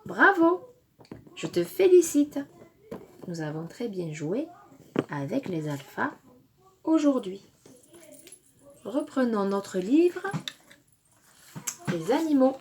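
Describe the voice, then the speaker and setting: A woman's voice: fairly high pitch, big pitch swings, slight background noise. A woman with a French accent teaching a phonics lesson to young children, stretching out syllables and praising often. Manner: drawn-out syllables, encouraging praise.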